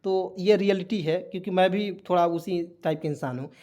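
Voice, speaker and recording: A man's voice: high-pitched, a little fast, dark tone. A man teaching English vocabulary. He keeps asking his viewers what each word means and then repeats the answer. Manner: drills words, repeats questions to viewers. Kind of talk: lesson.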